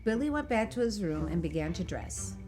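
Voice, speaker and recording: A woman reads a picture book aloud to children with expressive, animated, emphatic storytelling. Her voice sits on the low side and moves a little fast, with music in the background.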